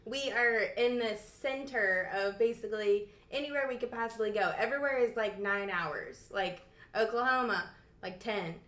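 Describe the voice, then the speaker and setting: A woman's voice: fairly high pitch, moderate pace, a bit bright, roomy sound. A young woman hosting a casual, teasing interview with her partner. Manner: playful, teasing. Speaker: interviewer and channel host. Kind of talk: casual chat.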